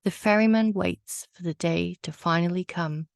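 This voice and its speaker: Woman, low gravelly voice, earnest storyteller, thoughtful and a bit hesitant. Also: moderate pace, dry recording, clean studio sound. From Wales. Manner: reflective, earnest, with hesitant fillers. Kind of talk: casual talk and poetry reading.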